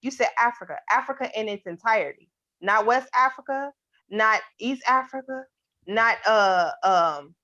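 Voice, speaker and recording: Woman panelist, slightly high voice, pushy debating manner, dull lo-fi audio. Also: expressive, moderate pace, bright, forceful tone, no room sound. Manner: insistent, repeats "but" to break in. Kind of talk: heated debate.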